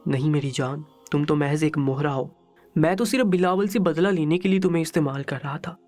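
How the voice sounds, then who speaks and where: Guy reading a sneering young villain in a storybook, taunting, slightly high voice, soft music under it. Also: lightly acted. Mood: menacing taunt. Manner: taunting, menacing. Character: scheming vengeful young man, cruel and mocking.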